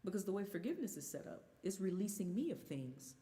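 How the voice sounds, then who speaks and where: A woman's voice: mid-range voice, sing-song, quick pace, warm tone, in a large hall. A woman in her thirties telling a personal story candidly in a casual chat as a guest. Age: 30s. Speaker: guest singer.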